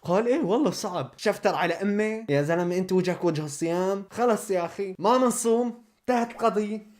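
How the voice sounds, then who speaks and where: A man's voice: high voice, fast. A man with a Levantine accent hosting a reaction video, sarcastic and exasperated. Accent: Levantine Arabic. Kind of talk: mocking commentary.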